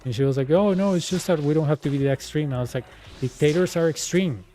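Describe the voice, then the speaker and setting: A man's voice: on the high side, fast talker, soft background music. A young man whose first language is Spanish, ranting casually while gaming and retelling an argument by acting out both sides. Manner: animated, retells arguments in quoted voices. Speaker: streamer.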